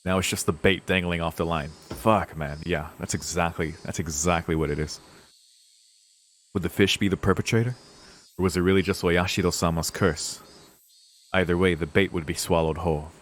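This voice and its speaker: A man with a deep voice and fairly even intonation speaks at a moderate pace, with slight background noise behind him. In this let's play he reads visual novel text aloud and adds casual, foul-mouthed, emotionally charged reactions.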